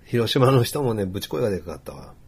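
A man speaking with a Hiroshima dialect in a relaxed, rambling casual monologue, full of fillers. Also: on the low side, quick pace, husky.

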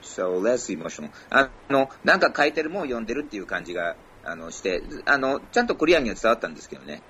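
Lively Kansai-accented man. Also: medium pitch, very fast, highs cut off, slight background noise. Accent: Kansai Japanese. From Kyoto, Japan. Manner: lively, mixes in English and Kansai dialect. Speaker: co-host giving feedback. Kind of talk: casual online chat.

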